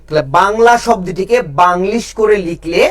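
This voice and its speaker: A man's voice: sits high, normal speed. A man teaching an online exam-prep class, drilling students with repeated questions and answers and reading out viewers' names. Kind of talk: live-streamed class.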